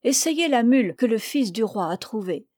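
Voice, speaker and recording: Two vain princess sisters from a storybook, their words scornful and mocking, read out by a woman. The voice is mellow and the sound close and dry, with no room around it. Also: on the high side, animated, moderate pace, no room sound. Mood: boastful. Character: two proud haughty young princess sisters.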